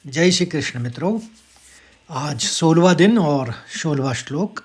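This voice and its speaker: A man teaching how to pronounce a Sanskrit verse. He chants each line slowly and drawn out, then explains the sounds more quickly, speaking. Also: fairly high pitch, expressive, darkish tone, husky.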